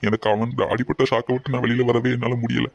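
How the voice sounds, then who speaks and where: An actor voicing a shaken young man after an accident in an animated family drama, subdued, guilty and consoling. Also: mid-range voice, fast, creaky, dry recording, highs cut off.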